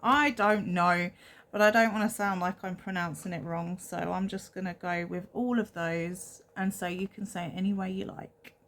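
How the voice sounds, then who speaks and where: A woman's voice: lowish voice, fairly even intonation, normal speed, a bit bright, slight background noise. A young woman from England, chatting casually and self-deprecatingly as she shows off a shopping haul on her vlog. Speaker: vlogger.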